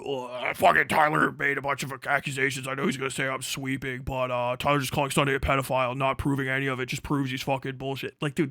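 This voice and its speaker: In a mid-range, fairly bright voice, a man hosting a livestream reads out messages and reacts with a furious rant full of profanity. He comes across as agitated and vehement. There is no room sound, and the quality is studio grade.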